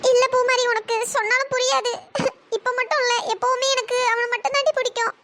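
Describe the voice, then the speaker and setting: A woman voicing a heartbroken, meek young woman who is crying and pleading, in a cartoon story with a pitch-raised voice. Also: steady tone, fast talker, a bit bright, a little hiss or hum. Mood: tearful. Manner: sobbing, pleading.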